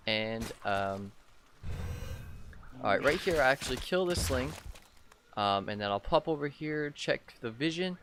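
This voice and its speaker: A hoarse young man, sick with a sore throat, giving casual commentary on his own strategy game match as a channel host, with lots of um fillers. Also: mid-range voice, background noise. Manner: rambling with many "um" fillers.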